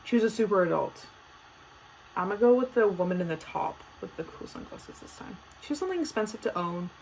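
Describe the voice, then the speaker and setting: A teenage podcast host talks a little fast in a creaky, darkish mid-range voice with lively intonation, casual and playfully dramatic with many fillers. The rough recording has a little hiss or hum.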